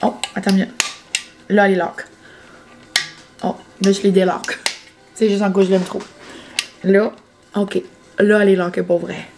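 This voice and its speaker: A woman with a Quebec French accent chatting casually at home for her vlog, excitable and dropping English words into her talk. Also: medium pitch, moderate pace, long pauses, poor audio. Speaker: vlogger. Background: background music.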